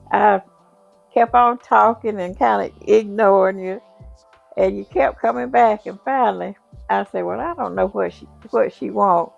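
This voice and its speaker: An older woman, a grandmother slowly telling a family story in casual chat. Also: mid-range voice, creaky, muffled recording. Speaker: grandmother guest.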